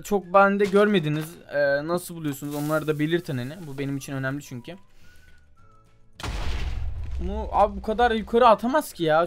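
A young man giving casual, chatty commentary while he plays, muttering to himself as he tries things and talking straight to his viewers. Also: fairly high pitch. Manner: chatty, mutters while trying, calls viewers "abi" and "gençler". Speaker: gaming YouTuber.

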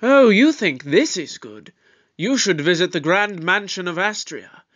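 The Doctor, played by a man, smug and slow. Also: sits high, animated, lo-fi sound, heavily acted. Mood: breezy. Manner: airy, condescending, lecturing. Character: ancient male time traveller, breezy and smug. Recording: loud music bed under voice.

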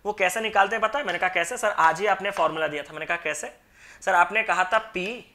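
Speaking fast in a medium-pitched, sharp voice, this woman leads a math lesson for exam preparation. Each step unfolds as she asks and answers her own questions in mock-dialogue style, slipping English terms into the explanation.

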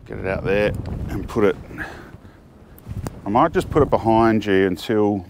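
Unhurried and fairly low-pitched, a middle-aged Australian man fishes from a windy outdoor jetty while talking casually to camera for his vlog. He restarts sentences as he thinks aloud, and there's slight background noise.

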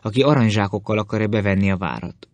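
A man's voice: lowish voice, no echo, highs cut off, close to an everyday voice. A male audiobook reader voicing a sarcastic, impatient Roman nobleman who cuts others off. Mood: mocking. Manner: sarcastic and cutting.

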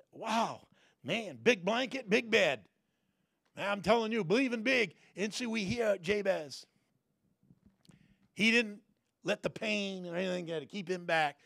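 A man preaching a folksy sermon, repeating phrases and sometimes bursting into loud shouted prayers. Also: sits high, expressive, slow, gravelly, long pauses, no room sound, studio quality.

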